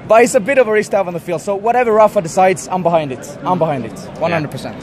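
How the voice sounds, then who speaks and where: A man's voice: high voice, very fast. A half-Serbian man giving a frank football opinion on the street. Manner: frank, chuckling. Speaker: football fan interviewee. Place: outdoors on a busy street. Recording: crowd chatter behind.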